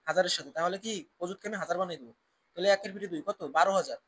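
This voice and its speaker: A man's voice: sits high, rapid-fire, fairly bright tone, husky. A man teaching a children's math lesson, asking questions and answering them himself in a repetitive drill.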